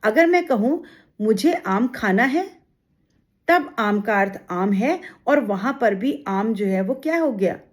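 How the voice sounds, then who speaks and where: A woman's voice: on the high side, expressive, slow. A woman teaching an exam-prep grammar lesson. She explains step by step, asking rhetorical questions and giving examples.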